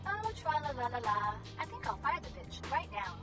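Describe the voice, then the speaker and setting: A woman's voice: high-pitched, very animated, moderate pace, over music. A woman voicing a fake-friendly AI assistant with a sing-song, sugary manner that turns coldly scheming.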